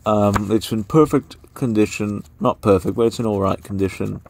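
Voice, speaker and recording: A man's voice: on the low side, fairly even intonation, vocal fry, a little mellow, slight background noise. A young man casually talking through books he is giving away, rambling with lots of fillers. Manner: rambling, filler-heavy, unhurried. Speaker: book vlogger. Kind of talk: casual spoken book review.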